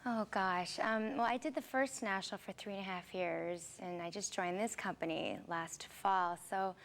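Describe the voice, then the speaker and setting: A woman's voice: mid-range voice, steady tone, normal speed, a bit bright. A young woman, a musical theater actress, answering interview questions in a friendly, chatty way, with many fillers and restarts. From Philippines, raised in Seattle. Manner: friendly, chatty, with frequent fillers and repeated starts.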